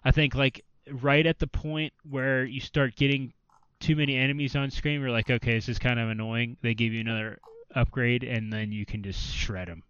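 Rambling man with a smooth voice. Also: mid-range voice, steady tone, moderate pace, fairly bright tone, dry recording, lo-fi sound. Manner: rambling, filler-heavy, restarts often. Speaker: podcast co-host. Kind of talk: casual chat about video games.

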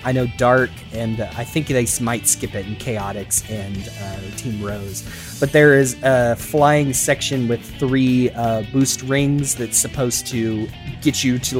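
A man co-hosting a podcast, rambling casually with lots of laughs, fillers and restarts. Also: medium pitch. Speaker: podcast co-host. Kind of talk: casual chat about games.

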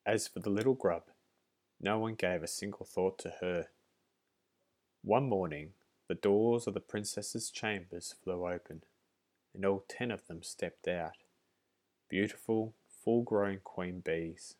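A man reads a storybook aloud in a very deep, low voice. His delivery is steady and measured, as a narrator.

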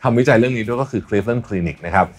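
A man's voice: on the low side, fast talker, slightly rough. A man hosting a podcast, politely interviewing and explaining health advice in a conversational way. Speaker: podcast host.

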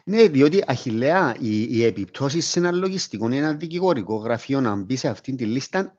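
A man's voice: mid-range voice, expressive, a little mellow, muffled recording. A man with a Cypriot Greek accent asking questions as the interviewer in a conversational news discussion.

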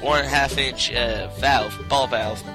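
A man's voice: mid-range voice, steady tone, measured pace, music in the background, natural voice. A man putting on a Southern accent as a folksy how-to show host, rambling and tripping over part names. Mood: instructional. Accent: put-on American Southern.

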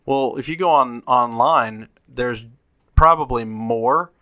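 A man with a bright, forward voice talks loosely in a casual podcast chat. He rambles and speculates, often restarting his sentences. The sound is dry and close, with little room. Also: medium pitch, slow pace, no echo. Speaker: podcast co-host.

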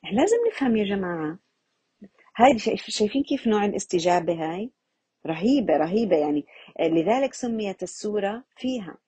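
A woman's voice: medium pitch, lively intonation, fast talker, dark tone, slightly rough, dry recording. A woman gives an informal Quran reflection lesson, talking conversationally and asking her listeners rhetorical questions. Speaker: religious teacher.

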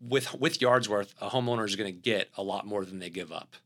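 A man's voice: lowish voice, a little fast, fairly bright tone. A man with a Southern US accent, a company CEO explaining his product in a podcast interview, speaking fluently with many fillers and restarts.

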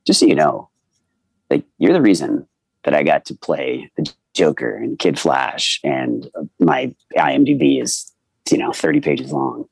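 A man in his forties, a voice actor telling animated anecdotes in a casual interview and acting out the people he quotes. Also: extremely low pitch, unhurried, vocal fry, slightly rough, no echo. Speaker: voice actor guest.

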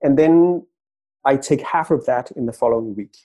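A middle-aged Danish author, speaking with a Danish accent in a medium-pitched, mellow voice at a moderate pace, tells stories as a guest in a conversational interview. He often repeats words when starting a sentence.

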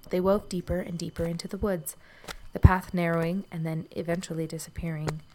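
A woman hosting a podcast, narrating a short story in a measured way and signing off in a friendly tone. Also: on the low side, slight background noise. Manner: even, measured reading with a friendly sign-off. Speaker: podcast host and story reader.

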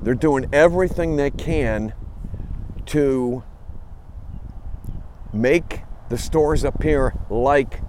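A man records his podcast on a phone instead of in a studio. He speaks at an ordinary pitch and rambles, stopping and restarting often. Wind and passing vehicles are clearly heard throughout the recording. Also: darkish tone. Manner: rambling, halting with frequent fillers and restarts. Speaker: podcast host. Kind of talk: casual spoken monologue.

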